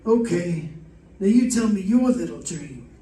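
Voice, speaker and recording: A man's voice: sits high, expressive, measured pace, warm tone. A man playing a matter-of-fact, easygoing police detective explaining things in an old-time radio drama. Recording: roomy distant stage recording, faint noise.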